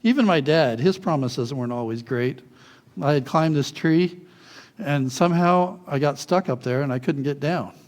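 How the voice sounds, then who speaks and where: A man preaching a sermon, telling childhood stories in a lively way, often chuckling and acting out what people said. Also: on the high side, moderate pace. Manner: animated storyteller, chuckles often, acts out quotes.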